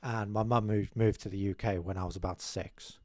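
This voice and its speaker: On a podcast, a young man from South Africa talks casually and humbly about his life, his voice on the low side, a little mellow, and fairly even in intonation. His pace is brisk, and he rambles with frequent sentence restarts. The interview chat takes place in a small curtained studio with a desk mic on a boom arm and headphones, and it has studio quality with no room sound.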